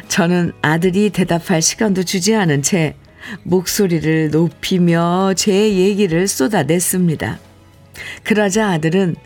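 A woman radio host reading a listener's letter aloud in a measured storytelling voice. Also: lowish voice, a little mellow.

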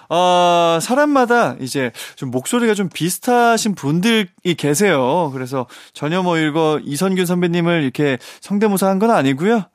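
Lively high-voiced male radio DJ. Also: no room sound, clean studio sound. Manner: chatty, friendly reading of listener stories. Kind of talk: radio show segment. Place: radio studio. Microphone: studio microphone.

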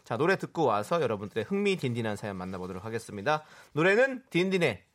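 A man's voice: mid-range voice, fast talker. A man hosting a radio talk show, reading out listener messages and joking with his guest. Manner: lively, reads listener texts aloud. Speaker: radio host.

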